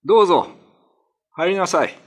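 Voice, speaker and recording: In a radio drama, a man plays a renowned Ryukyuan lord and demon slayer, dignified and composed, speaking gravely in old-fashioned, commanding language. His voice sits high and is pushed up, animated but at normal speed.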